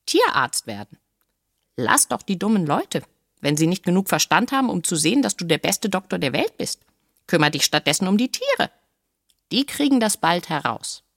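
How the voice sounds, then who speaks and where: A woman voicing a proud, clever female parrot who lectures insistently and squawks high bird calls, in an audiobook reading. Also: sing-song, moderate pace, creaky, no room sound, clean studio sound, exaggerated voice. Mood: bossy proud.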